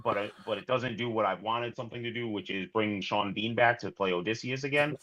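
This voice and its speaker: A man co-hosting a casual film review podcast, enthusiastic and halting with restarts. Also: fairly low pitch, fairly bright tone, dull audio. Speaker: podcast co-host.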